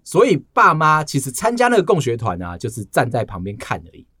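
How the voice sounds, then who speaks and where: A man co-hosts a podcast, telling stories in an animated, casual way. His pitch moves a lot. The recording is dry and close. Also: a little fast, no echo. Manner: storytelling, animated. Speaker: podcast co-host. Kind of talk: casual chat.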